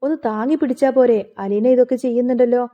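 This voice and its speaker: A woman's voice: fairly high pitch, fast talker, lightly acted. A woman voicing a proud, bedridden middle-aged mother who scolds sharply. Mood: scolding. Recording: phone-like narrow sound.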